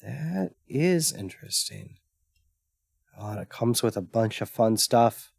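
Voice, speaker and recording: A man's voice: lowish voice, sing-song, takes it slowly, gravelly, a little mellow, dry recording, studio quality. A man co-hosting a casual retro gaming podcast, easygoing and stumbling over his words. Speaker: podcast co-host. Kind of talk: casual chat.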